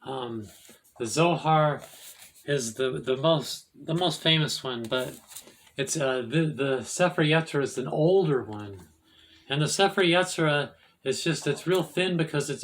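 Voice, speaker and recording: Male host, mid-pitch, rambling lecture style, loose and halting delivery. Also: fairly bright tone. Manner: rambling, halting, many restarts and fillers; self-correcting, laughs at own slips. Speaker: occult video host. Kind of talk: casual explanatory monologue.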